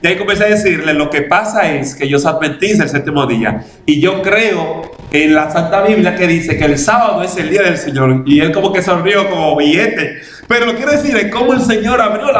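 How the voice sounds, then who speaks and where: A man pastor, preaching a storytelling sermon in a church and acting out past conversations. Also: high-pitched. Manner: animated, laughing testimony, acting out past conversations. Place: church in Massachusetts. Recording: echoey church hall, faint room ambience.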